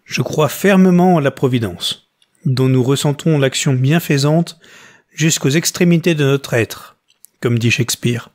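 A man's voice: medium pitch, unhurried, darkish tone, natural voice. Man voicing an older mother, whining, tearful, self-pitying, audiobook character. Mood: pious.

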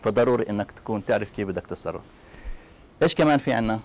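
A man with a Palestinian Arabic accent giving a university lecture, talking straight to his students with quick asides and acted-out little scenes. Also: lowish voice, expressive. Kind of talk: classroom lecture.

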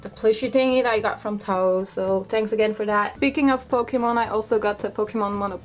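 A woman's voice: mid-range voice, fairly even intonation, a little fast, soft background music. Dutch-accented woman, muffled camera sound. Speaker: vlogger. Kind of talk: casual chat, showing a haul. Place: small bedroom, indoors. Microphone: handheld camera's built-in mic.

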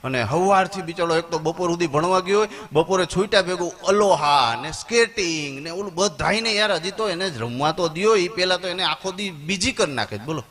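A man from Gujarat does stand-up on stage colours every line. His voice sits a little high and rings bright and sharp. He spins stories and flips into squeaky voices for the people in them. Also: expressive, fairly quick, hardly any pauses. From Gujarat, India. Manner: acts out characters with sudden high squeaky voices. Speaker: stand-up comedian. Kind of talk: stand-up comedy storytelling. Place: stage before a live audience.

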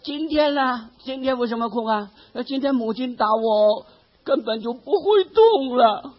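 A man acting out a devoted adult son within a sermon story, speaking earnestly and softly. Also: extremely high pitch, animated, measured pace, muffled recording, pitched above the performer's own voice, exaggerated voice. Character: devoted adult son grieving for his aging mother.

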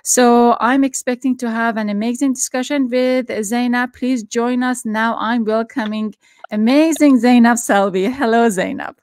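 A woman's voice: fairly high pitch, steady tone, moderate pace, a little mellow, dry recording. A middle-aged woman from Iran hosting an interview over a video call from her home study, speaking earnestly with frequent restarts. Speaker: podcast host. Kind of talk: interview introduction and questions. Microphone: studio microphone with headphones on video call.

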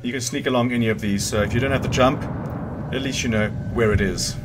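This video game guide host speaks fast in a steady, mid-range voice, commenting casually, thinking aloud and correcting himself as he plays. The background is noisy, with game music and sounds.

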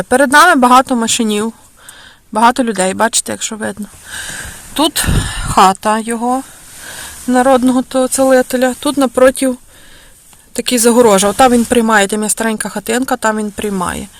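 A woman's voice: fairly high pitch, brisk. Chatty woman vlogger. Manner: chatty, often addresses viewers as friends. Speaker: village vlogger. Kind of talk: casual travel vlog. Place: in a car and outdoors in a village.

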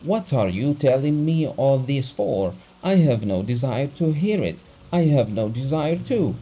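A man voicing an indignant country doctor who shouts back in anger in an audiobook. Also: mid-range voice, sing-song, measured pace, breathy edge, pitched above the performer's own voice, heavily acted, low-quality recording. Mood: furious. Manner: angry, clipped, rapping out words.

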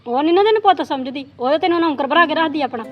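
A woman playing a jealous, nagging mother-in-law in a Punjabi village drama, taunting and quick. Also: sits high, expressive, muffled recording, soft background music. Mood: scolding. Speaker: actor in family drama.

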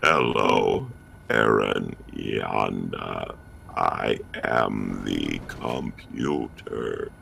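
A man on a live stream doing a slow, calm, robotic computer voice, creepy and insistent. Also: very deep voice, creaky, slight background noise, voice pushed down, heavily acted. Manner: calm, drawn-out, flat robotic delivery.

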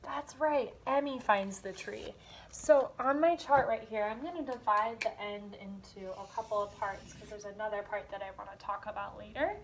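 Teaching kindergarten from her home, a young adult woman speaks in a medium pitch at normal speed, keeping explanations simple and posing questions as if the kids reply. She's in a small room, recorded by a device camera a step or two off, and the low-quality audio carries slight background noise.

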